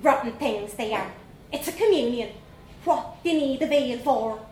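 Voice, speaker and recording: A woman's voice: on the high side, lively intonation, moderate pace, darkish tone, natural voice. A woman voicing a brash, bossy little girl in her communion dress, with a crude, cheeky way of talking. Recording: echoey room, faint noise.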